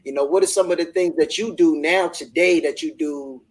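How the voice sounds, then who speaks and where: A man's voice: fairly high pitch, fairly even intonation, moderate pace, low-quality recording. A man hosting a live online business discussion, talking in an enthusiastic, motivational way and often repeating words as he starts a thought. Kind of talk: casual group discussion.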